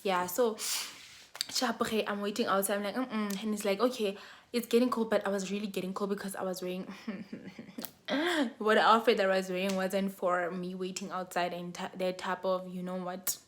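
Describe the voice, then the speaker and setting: A young woman with a South African accent, telling her own story to her viewers in a casual, dramatic way, jumping between loud bursts and hushed asides. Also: medium pitch, steady tone, moderate pace, a little hiss or hum. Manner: talks straight to her viewers, often calling them "guys".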